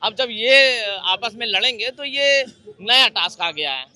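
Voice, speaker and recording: A man from the public explaining his view steadily in a street interview, pausing on hesitant fillers. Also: very high voice, expressive, bright, forceful tone.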